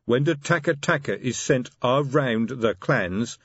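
A man doing a slow, patient troll sergeant. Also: medium pitch, animated, breathy edge, dry recording, highs cut off, voice pushed up. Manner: slow patient plodding delivery.

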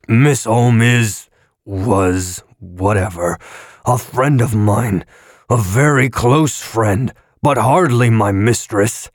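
A man voicing a pompous, weary eye-eating alien blob that talks in a slow, slurred intoning way. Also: mid-range voice, dry recording, studio quality, voice pushed up. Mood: defensive.

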